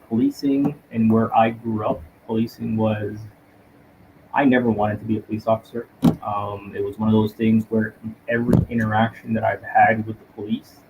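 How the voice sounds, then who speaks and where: A man's voice: lowish voice, vocal fry, noisy background. Reflective, earnest male detective inspector. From Canada. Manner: reflective, earnest, with frequent pauses and "um"s. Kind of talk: personal storytelling in an interview.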